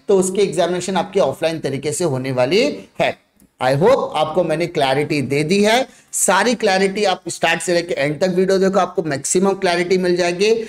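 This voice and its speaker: Young guy tutor going over exam dates for students, fairly high voice, keeps repeating stuff to make it clear. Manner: repeats dates and points for emphasis, addresses students directly. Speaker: online tutor. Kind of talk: explaining exam schedules to students. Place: indoor room, screen-share with face in corner.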